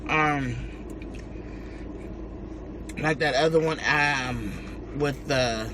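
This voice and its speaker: A man's voice: mid-range voice, drawn-out words, background noise. An American man talking casually to his viewers as he eats, chewing between and during his words. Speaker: mukbang vlogger. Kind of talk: casual chat to viewers while eating.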